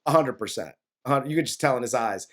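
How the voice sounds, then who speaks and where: A man's voice: mid-range voice, lively intonation, quick pace, a bit bright. A man co-hosting a casual movie review podcast, ranting and swearing in a rambling way. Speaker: podcast co-host.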